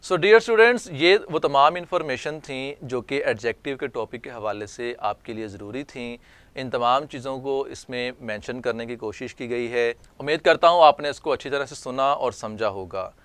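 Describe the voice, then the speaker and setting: Give me a male English teacher, recorded dry and close, calmly walking through word forms. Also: mid-range voice, smooth, no room sound. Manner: slow, spells out word forms one by one. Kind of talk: recorded grammar lesson.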